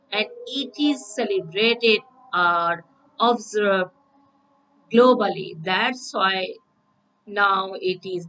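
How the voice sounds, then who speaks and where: A woman teacher from Bangladesh gives a recorded English lesson, speaking slowly and repeatedly asking "okay?" to check that students understand. Her voice is on the low side and a bit bright, and the rough recording has slight background noise.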